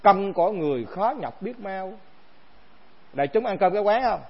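A monk gives a dharma talk in a high, light voice. He keeps it conversational and keeps throwing rhetorical questions at his listeners. The recording is dull and lo-fi. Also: lively intonation, moderate pace. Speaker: monk teacher.

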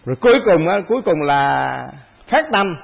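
Gravelly high-voiced monk giving a talk. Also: male voice, sing-song, moderate pace, muffled recording. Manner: conversational, rhetorical questions, repeats phrases. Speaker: Buddhist monk teacher. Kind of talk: dharma talk to monastic assembly.

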